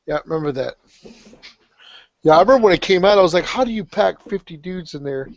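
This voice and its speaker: Blunt, profane man with a highish voice. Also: expressive, fast, slight background noise. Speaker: webcast panelist. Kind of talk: casual hobby chat about tabletop wargaming. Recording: dull, dry webcast audio.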